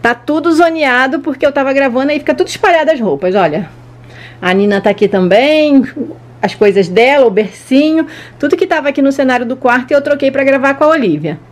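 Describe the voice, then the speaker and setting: A woman's voice: sits high, animated, brisk. A woman in her thirties with a Brazilian Portuguese accent, chattily narrating a casual handheld tour for children and pointing things out informally. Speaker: children's toy channel vlogger. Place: small indoor home studio room. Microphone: handheld camera at arm's length.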